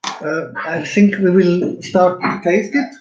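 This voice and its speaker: A man from Switzerland presenting a wine in an online seminar, speaking calmly with frequent fillers over a video call. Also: high-pitched, slow pace. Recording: roomy, dull video call audio.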